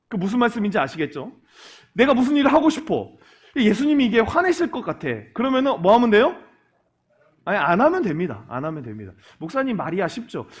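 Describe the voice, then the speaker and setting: Casting: male pastor, very high voice with a lot of swing, lively sermon to a youth group, quizzes the room, jokes along the way. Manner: lively, asks the congregation questions and acts out quoted lines; joking asides.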